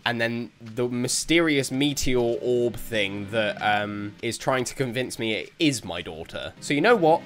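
A young man giving let's-play commentary on a horror game, jumpy and exclaiming, often laughing. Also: medium pitch. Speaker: gaming youtuber.

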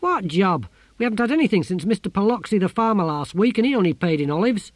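A man's voice: big pitch swings, fast talker, no room sound. A man doing a whiny put-upon young nephew. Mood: complaining. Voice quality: high, complaining.

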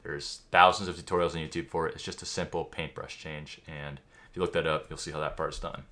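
A man's voice: extremely low pitch, level tone, brisk, bright, forceful tone, slight background noise. A man giving a mock magic tutorial commentary in an offhand, boastful, know-it-all way. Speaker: YouTuber.

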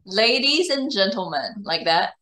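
Her mid-range voice swings widely in pitch, and she talks without hurry in a bright, forceful tone. She's an English tutor working one on one with a young learner in a bilingual lesson, patiently explaining and often making sure the student is following.

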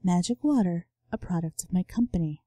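A woman voicing a calm, mysterious salesman in a low, quiet, measured voice. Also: dry recording, natural voice. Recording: game music underneath.

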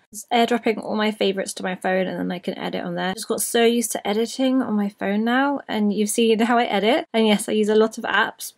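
A woman in her twenties with a British accent, chatting candidly and casually as a vlogger. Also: mid-range voice. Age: 20s. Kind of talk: casual personal vlog chat.

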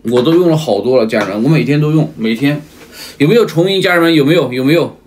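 A man's voice: on the high side, animated, fast talker, a little mellow. A man on a livestream who keeps calling his viewers family, repeats himself and asks again and again whether they agree. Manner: repetitive, emphatic. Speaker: livestream seller.

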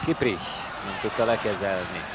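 A man giving excited, exclamatory live football commentary, partisan and urging the players on. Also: on the low side. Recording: old TV broadcast over loud crowd noise. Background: loud stadium crowd.

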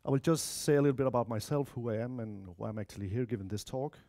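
Talking fast in a warm, medium-pitched voice, this Danish-accented conference speaker chats through an informal technical talk, tossing asides to listeners. He's a software developer in his thirties from Denmark or Spain, of mixed Spanish-Danish heritage, speaking in an indoor lecture room.

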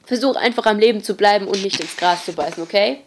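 Brief: a woman reading as a bossy teenage leader, loud and blunt, brisk orders. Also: mid-range voice, a little hiss or hum, lightly acted. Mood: gruff.

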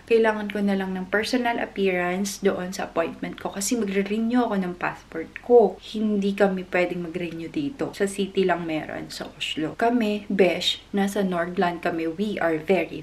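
A young woman from the Philippines, chatting casually to the camera in a vlog, emotional and quick to laugh. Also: on the low side. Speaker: vlogger.

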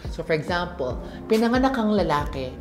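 A woman's voice: lowish voice, big pitch swings, brisk. A woman in her twenties with a Filipino accent, explaining firmly and assertively in a studio interview. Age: 20s. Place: indoor studio, grey backdrop, seated. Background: background music.

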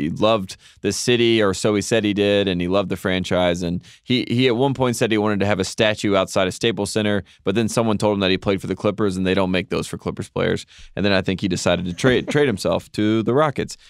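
Low, smooth-voiced man telling stories. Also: a little fast, hardly any pauses, no echo, clean studio sound. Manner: storytelling, wry and joking. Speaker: podcast co-host. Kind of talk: casual podcast chat.

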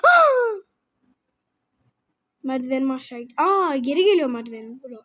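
A woman chatting playfully through a game, excitable and quick to laugh, calling her friend bro. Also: high voice. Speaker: gaming video host. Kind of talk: casual gameplay chatter.

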